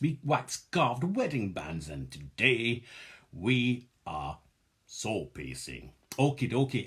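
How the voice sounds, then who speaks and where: Husky, lively Glaswegian man. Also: lowish voice. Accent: Glaswegian Scottish. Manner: jokey, self-mocking, chatty with viewers. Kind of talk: live-streamed craft demonstration.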